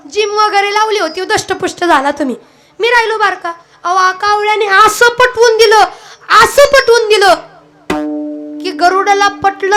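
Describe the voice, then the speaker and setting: A woman kirtan preacher with a very high, ringing voice tells a parable and acts out each part. Instruments sound clearly behind her on a live stage. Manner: animated storytelling, acting out the birds' dialogue. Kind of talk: kirtan sermon storytelling.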